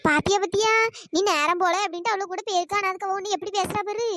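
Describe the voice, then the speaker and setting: Shrill, sly cartoon village troublemaker, fast-paced, woman voice actor. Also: fairly bright tone. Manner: scolding, sly and gossipy. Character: meddling village woman stirring up fights. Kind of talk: cartoon voice acting.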